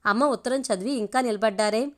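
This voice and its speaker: A teasing, affectionate young woman in love, as a female storyteller reads her lines. The voice sits a little high and stays close to the reader's own, with a gentle, playful lilt rather than a full character turn. It suits a narrated romance for an audio story channel. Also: fairly quick, lightly acted.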